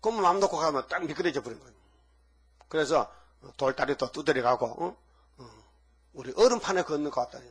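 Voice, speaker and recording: A man with a husky voice preaching a sermon emphatically, firing off rhetorical questions at the congregation. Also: fairly high pitch, expressive, brisk, long pauses, a bit bright. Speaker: pastor.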